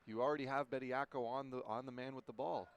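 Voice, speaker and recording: A man of middling pitch gives color commentary from a gym broadcast booth. He talks through replays and explains in plain terms what the defense did right or wrong. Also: steady tone, fast. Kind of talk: basketball game analysis.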